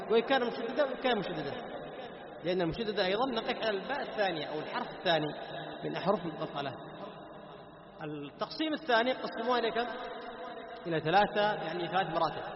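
Quick high-voiced male teacher in an echoey hall. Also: lively intonation, a crowd in the background. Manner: asks the class questions and answers them himself; repeats key phrases for emphasis. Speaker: Quran recitation teacher. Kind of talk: classroom lecture. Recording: echoey hall with dull lo-fi sound and background noise.

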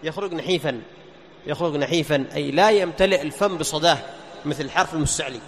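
A man with a high voice teaches the rules of Quran recitation, posing questions and answering them himself. He chants short verses slowly to show each sound. His voice carries a long reverb, with faint noise behind it. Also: fairly bright tone. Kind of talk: tajweed lesson explaining letter articulation.

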